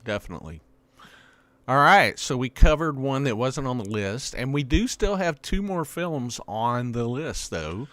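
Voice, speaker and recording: A man co-hosting a horror movie podcast, animated and joking while steering the chat along. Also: medium pitch, a little slow, no room sound. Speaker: podcast co-host.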